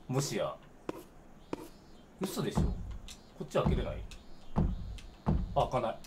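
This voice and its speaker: A young man giving jokey, excitable commentary while playing a game. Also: mid-range voice, a little slow, heavy background noise. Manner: excitable, jokey, reacting out loud. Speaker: game streamer. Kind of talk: let's play commentary.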